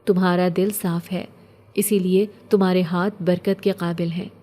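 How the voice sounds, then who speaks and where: A soft-spoken ancient male jinn, voiced by a woman narrating a horror storybook. His words come slow and poetic, meant to console. The tone is mellow and warm rather than bright. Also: fairly low pitch, flat delivery, lightly acted. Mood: calm, tender.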